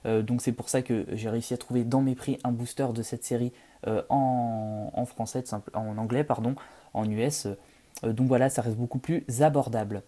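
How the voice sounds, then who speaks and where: A young man with a dark, mellow voice talks casually to his viewers while opening a card pack. He speaks haltingly, stopping and restarting often and padding his sentences with fillers. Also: medium pitch, fairly even intonation. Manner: hesitant, halting, full of fillers. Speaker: card collector vlogger. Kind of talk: casual unboxing chat.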